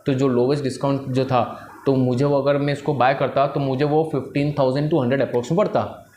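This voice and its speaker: A young man from India, an English trainer, telling students a motivational story. He talks in a lively way, switches between Hindi and English, and keeps checking in with "right?". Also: mid-range voice, brisk, slight background noise. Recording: roomy echo.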